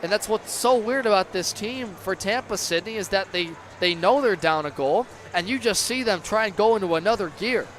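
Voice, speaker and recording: A man's voice: sits high, normal speed, few pauses. A man doing live play-by-play commentary of an ice hockey game. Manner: erupts into excited shouts on big plays. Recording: clear background noise.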